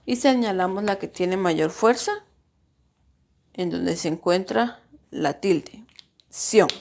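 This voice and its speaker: Speaking straight to her pupils, this teacher explains grammar slowly, drawing out syllables so they can hear the stress. She has a lowish, creaky voice with a slightly mellow quality. There's a little background noise.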